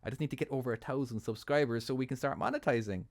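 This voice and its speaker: Narrating a truck-driving game on his own channel, a man with an Irish accent keeps things casual and laughs a lot. His medium-pitched voice races along, recorded with clean studio sound and no echo.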